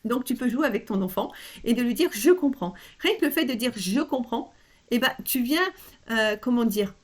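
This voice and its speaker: An older woman coach giving a casual spoken workshop, talking straight to the listener in a chatty, expressive way with frequent restarts. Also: on the high side, normal speed. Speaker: personal development coach.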